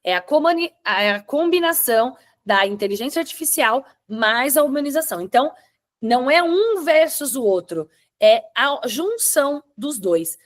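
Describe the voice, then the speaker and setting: A woman hosting an online webinar, explaining step by step and checking in with her listeners. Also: high voice. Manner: explanatory, with frequent "tá?" check-ins and restarts. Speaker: webinar host.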